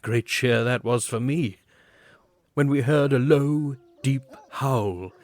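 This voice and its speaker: Over background music, a man with a medium-pitched voice reads a literary story slowly as an audiobook narrator. His delivery is grave and theatrical, and the recording is dry.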